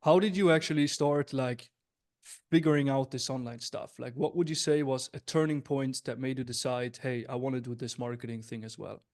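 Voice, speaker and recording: A young Swiss man, a business coach, hosts a casual interview in an upbeat, friendly and direct manner, occasionally turning to address the listeners. His voice sits at an average pitch with a steady, darkish tone and normal speed.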